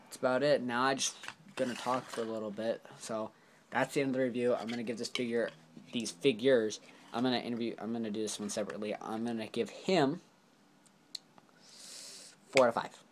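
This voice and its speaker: A man's voice: medium pitch, fairly even intonation, fairly quick, pauses often, a little hiss or hum. A man casually reviewing action figures on camera, rambling with lots of fillers and apologies. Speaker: toy reviewer. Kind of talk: casual toy review vlog.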